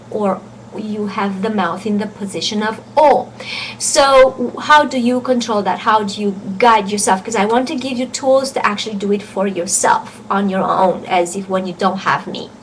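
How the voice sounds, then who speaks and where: A woman teaching an online pronunciation lesson, earnest, often restarting her sentences and slowing down to show vowel sounds. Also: fairly high pitch, slight background noise, low-quality recording. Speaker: French teacher.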